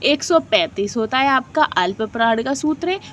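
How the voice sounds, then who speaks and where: A woman's voice: sits high, expressive, normal speed, fairly bright tone, a little hiss or hum. A woman teacher giving an exam-prep lesson, asking her own questions and answering them, repeating syllables aloud to demonstrate sounds and mixing English words into her talk. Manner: mixes English words into Hindi.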